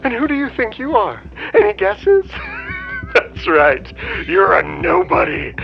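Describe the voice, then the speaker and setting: An actor playing a smug, corrupt small-town police officer, heard over a phone on speakerphone. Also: male voice, a little high. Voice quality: smug, mocking, giggly. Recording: dull lo-fi phone line.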